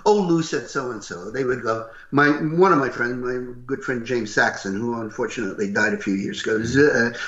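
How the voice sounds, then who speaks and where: An older man with a loud, gruff voice, telling animated stories as a voice actor being interviewed. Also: medium pitch, normal speed, few pauses. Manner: animated, acts out what others said. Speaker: voice actor guest. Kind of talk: interview storytelling. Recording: roomy, slightly dull recording.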